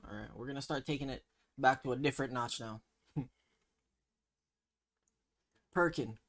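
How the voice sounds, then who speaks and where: A man with a Toronto accent runs a casual slang quiz at a middle pitch. He talks in slangy banter, teasing his contestant with mock sternness. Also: fairly even intonation, fast, a bit bright. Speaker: quiz host.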